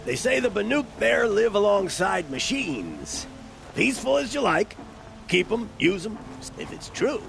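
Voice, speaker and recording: A smarmy, gravelly merchant. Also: male voice, mid-range voice, very animated, unhurried, a bit bright, faint music behind, full character voice. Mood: scheming. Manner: smarmy, wheedling, stammering. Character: greedy shifty male merchant opportunist. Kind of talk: video game dialogue.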